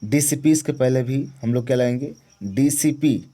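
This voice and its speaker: A man's voice: mid-range voice, moderate pace, warm tone. A man teaching a grammar lesson, who asks questions and answers them himself, repeats key words and checks that the class understands. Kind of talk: grammar lesson to exam students.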